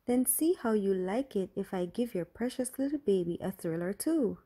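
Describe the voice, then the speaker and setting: A woman's voice: mid-range voice, lively intonation, moderate pace, warm tone, slightly rough. A woman voicing a bossy young girl who teases and pouts. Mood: bossy teasing. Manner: bossy, pouting.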